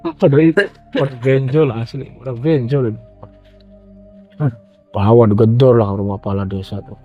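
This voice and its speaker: A man's voice: mid-range voice, normal speed. A middle-aged man with an Indonesian accent casually tells a personal story, acting out quoted speech as he goes. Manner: animated retelling with acted-out quotes. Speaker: guest telling his own story. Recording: dull lo-fi audio with background music. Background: music.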